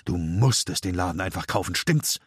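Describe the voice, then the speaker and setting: A man reading an audiobook, voicing a bitter middle-aged mother with a sharp, mocking tone. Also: mid-range voice, expressive, normal speed, no room sound, studio quality, voice pushed up, lightly acted. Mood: bitter scornful.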